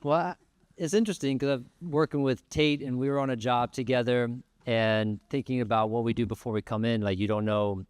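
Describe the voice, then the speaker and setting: A man in his thirties answering a fan's question at a convention panel, earnest and a bit halting. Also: mid-range voice, steady tone, smooth, no room sound. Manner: thoughtful, a little halting, earnest. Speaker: panelist, performer.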